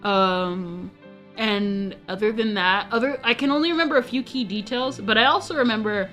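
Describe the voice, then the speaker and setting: Soft background music plays as a young adult streamer from the United States chats loosely, wandering between thoughts, interrupting herself, and giggling a lot. She speaks at a moderate pace with a medium pitch and a sharp tone.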